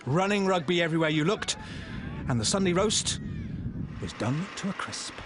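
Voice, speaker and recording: A man's voice: fairly high pitch, expressive, normal speed, background noise. A man narrating a sports feature as scripted voice-over, with a wry, playful delivery and dry asides. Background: music bed.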